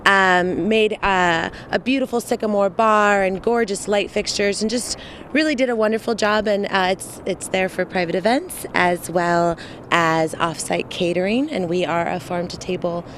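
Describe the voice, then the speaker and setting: Enthusiastic woman with halting speech. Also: mid-range voice, fairly even intonation, fairly bright tone, slight background noise. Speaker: event venue co-owner. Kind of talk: live news interview. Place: outdoor patio.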